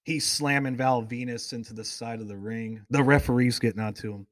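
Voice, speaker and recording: A male talk show host chats casually and drifts from one excited story to the next. His voice sits at an ordinary pitch and gushes with fan enthusiasm. The sound is dry, with no room echo. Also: brisk. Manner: rambling storyteller, goes off on tangents. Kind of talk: casual chat.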